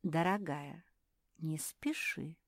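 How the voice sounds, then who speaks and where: A woman voicing a patient, kindly female fairy who speaks in a calm, gently instructive way. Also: low-pitched, slow, no echo, studio quality, exaggerated voice.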